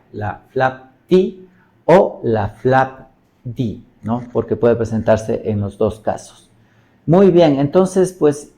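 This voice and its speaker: A man teaching a recorded lesson, explaining patiently and often checking understanding with short tag questions, sounding out example words slowly. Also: medium pitch, vocal fry, dark tone, poor audio. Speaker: English teacher.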